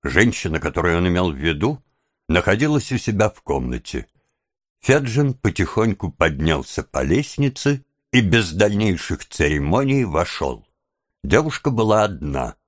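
A man reading an audiobook as narrator, with a measured, even storytelling delivery on a close studio mic. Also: deep voice, no echo. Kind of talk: scripted narration.

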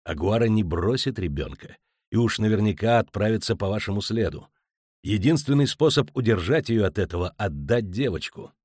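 A man voicing a calm, hardened monster hunter with a dry, sardonic manner. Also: lowish voice, brisk, no echo. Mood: stern.

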